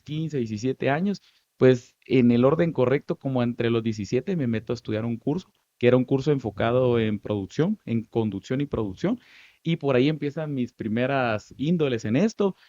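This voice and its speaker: A Guatemalan man in his thirties, a stage actor, telling lively stories from his life in an interview, with a Guatemalan Spanish accent. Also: medium pitch, normal speed, no echo, muffled recording. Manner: animated, lively storytelling with many asides. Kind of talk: storytelling interview answers.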